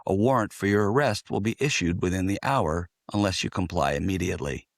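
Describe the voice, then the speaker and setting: A man's voice: deep voice, a little fast, no room sound, clean studio sound. A man voicing a menacing male scam caller who poses as a tax agent and makes stern, commanding threats. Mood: threatening.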